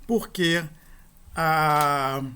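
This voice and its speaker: A man's voice: fairly high pitch, very slow, bright, forceful tone, smooth. A man, teaching a grammar lesson and spelling out endings and rules step by step.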